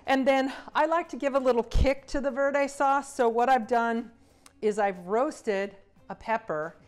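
A middle-aged woman, an executive chef, demonstrating sauces in a large home kitchen, talking in a relaxed, enthusiastic way with some fillers. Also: mid-range voice, clear, resonant tone. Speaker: cruise line executive chef. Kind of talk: cooking demonstration.

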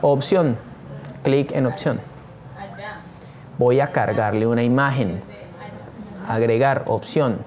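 A man's voice: medium pitch, takes it slowly, long pauses, darkish tone. A man teaching a screen-share tutorial, talking eagerly and straight to his viewers. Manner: enthusiastic, addresses viewers directly.

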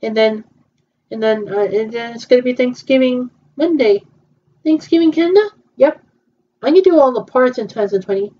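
Muffled, lo-fi audio that sounds homemade captures a twenty-something woman doing improvised fan roleplay dialogue. She speaks in a mellow, fairly high voice, hesitating often, repeating herself, and restarting with fillers along the way.

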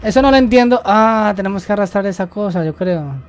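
A young man giving let's-play commentary while he plays, excitable, repeating words in quick bursts and yelping when startled. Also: high voice, clear, resonant tone. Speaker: gamer.

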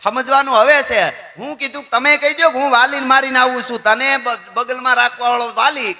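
A man telling devotional folk stories and preaching to children and elders in an animated way. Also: extremely high pitch, brisk, big-room sound. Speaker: folk storyteller. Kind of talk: devotional folk storytelling to an audience.

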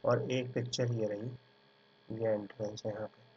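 A man with a lowish voice and little pitch movement speaks at a moderate pace, teaching an art exam class from a computer in a screen recording. He slowly dictates his handwritten notes word by word, then explains pictures casually. The sound is dull and lo-fi, with a faint mains hum in the background.

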